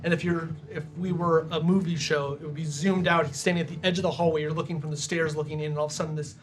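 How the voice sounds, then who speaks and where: A man's voice: fairly high pitch, little pitch movement, fast talker, slight background noise. A man improvising narration as the game master of a tabletop game. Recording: faint music behind.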